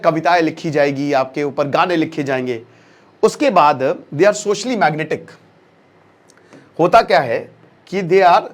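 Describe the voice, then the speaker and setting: A man delivers a motivational lecture. He talks emphatically and mixes English phrases into his speech. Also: high-pitched. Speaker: educator.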